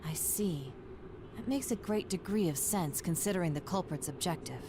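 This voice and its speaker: An actress playing a composed, analytical young detective in a video game, precise and formal. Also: female voice, on the low side, lively intonation. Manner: precise, formal, measured wording. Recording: noisy background.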